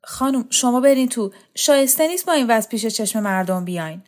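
Woman narrator doing an old servant man, fiery, worked up and fast. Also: fairly high pitch, lively intonation, darkish tone, pitched above the performer's own voice, close to an everyday voice. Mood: agitated. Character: old male servant, devoted and hot-tempered.

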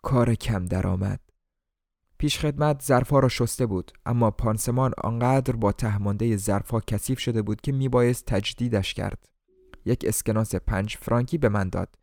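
A man from Iran reading a novel aloud as an audiobook, switching between formal narration and lively voices for the characters. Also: medium pitch, no room sound, clean studio sound. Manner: colloquial Tehran-style speech in dialogue, formal literary narration. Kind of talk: audiobook narration with acted dialogue.

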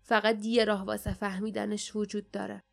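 A woman voicing a quiet, thoughtful teenage boy who speaks softly and in a subdued way. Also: mid-range voice, little pitch movement, gravelly, soft background music, close to an everyday voice. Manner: soft and subdued.

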